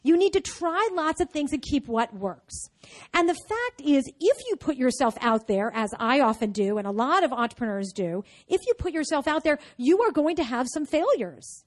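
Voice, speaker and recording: A middle-aged woman who teaches entrepreneurship, giving a lively, enthusiastic storytelling talk to an audience. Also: sits high, moderate pace.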